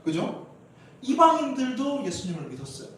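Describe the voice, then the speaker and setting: Jeolla-dialect guy preaching, bouncy high voice, booming church echo. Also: normal speed, a little hiss or hum. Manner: animated, acts out quarrels in playful voices, asks the congregation questions. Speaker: pastor. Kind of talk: lively Sunday sermon. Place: church sanctuary. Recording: very echoey church hall from a distance.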